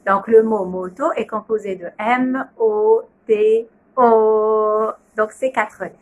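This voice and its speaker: In this muffled recording, a young kindergarten teacher's voice sits on the high side and stays steady. She patiently and slowly sounds out letters and syllables for a phonics lesson video.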